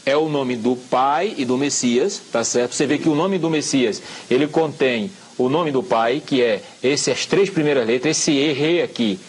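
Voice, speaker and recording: A man, a guest Bible scholar on a talk show, slowly explaining Hebrew letters and often checking "tá certo?". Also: medium pitch, breathy edge.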